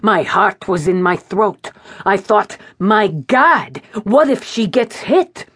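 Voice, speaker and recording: A woman's voice: mid-range voice, big pitch swings, slow, fairly bright tone, slightly rough, voice pushed up, exaggerated voice. A woman reading a fretful, rambling elderly man who dotes on his dog, in an audiobook. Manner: anxious, rambling, plaintive.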